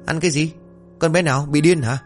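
A man's voice: fairly high pitch, fairly even intonation, brisk, faint music behind, pitched above the performer's own voice, close to an everyday voice. A man voicing a middle-aged village wife who nags and scolds her husband in exasperation. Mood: scolding. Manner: exasperated, nagging, shouting insults.

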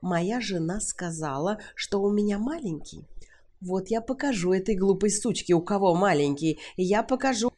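A woman's voice: medium pitch, lively intonation, moderate pace, mellow, natural voice. A woman reading a flustered, indignant prim man. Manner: stiff, defensive, indignant.

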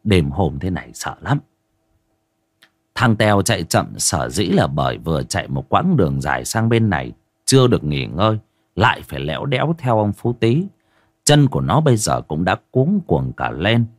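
A man narrating a horror audio story in a dramatic, expressive storytelling way. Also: sits low, normal speed, no room sound. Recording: dry close recording with faint music.

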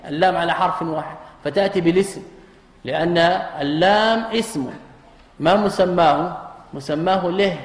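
A man, a sheikh, teaching Arabic grammar in a recorded lesson, asking rhetorical questions and repeating key terms. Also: a little high. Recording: echoey hall reverb.

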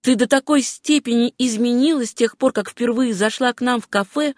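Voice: medium pitch, brisk, dry recording, voice pushed up, lightly acted. A timid young working girl from an audiobook, voiced by a reader in a raised, anxious voice. She speaks in a pleading, worried way. The recording is dry and close. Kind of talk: audiobook character voice.

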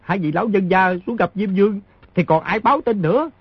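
Male actor as a cunning young boy, high, shrill fake sobbing, husky, dull dry audio. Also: fairly quick, dry recording. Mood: fake wailing. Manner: fake wailing, whiny. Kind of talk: audiobook character voice.

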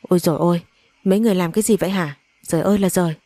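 Woman reader doing a bitter scolding mother, low mellow voice. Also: steady tone, racing, no room sound. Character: harsh scolding middle-aged mother.

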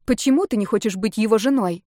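An excitable young woman in a spoken story, teasing and direct, firing blunt questions, as a woman reader voices her. The voice sits a touch higher than the narration. The sound is close and dry. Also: fast talker, dry recording, natural voice. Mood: anxious.

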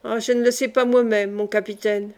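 A woman's voice: fairly high pitch, level tone, normal speed, darkish tone, lightly acted. A woman reading the part of a poor, humble male railway worker who speaks in a trembling voice. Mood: despairing.

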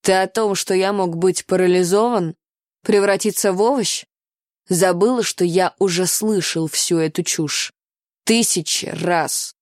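A woman reading an audiobook, voicing a bitter, brooding young blind man in a low, muffled tone. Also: unhurried, a little mellow, no echo, clean studio sound, close to an everyday voice.

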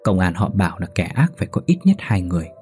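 A man voicing an anxious, superstitious old village man who speaks in a shaky, hushed way. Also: low-pitched, sing-song, quick pace, soft background music. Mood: fearful.

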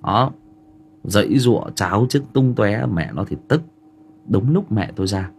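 Slight background noise accompanies a man with a Northern Vietnamese accent as he hosts a livestream and recounts a family story, loose and rambling with many fillers. His voice is on the low side with a darkish tone, animated but a little slow.

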